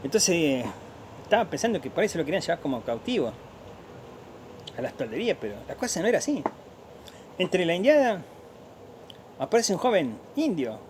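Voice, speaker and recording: A man's voice: a little high, background noise. An Argentine man telling a gaucho folk tale aloud, rambling with restarts and spoken sound effects. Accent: Argentine Spanish. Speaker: storyteller.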